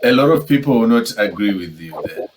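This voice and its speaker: A man's voice: medium pitch, animated, fairly quick, a loud crowd, rough recording. A man moderating a casual panel discussion, talking conversationally and acting out quoted exchanges.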